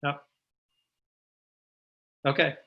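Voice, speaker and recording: A man's voice: extremely slow, highs cut off. A man chairing a remote committee meeting on a conference call, moderating procedure in a polite, informal way.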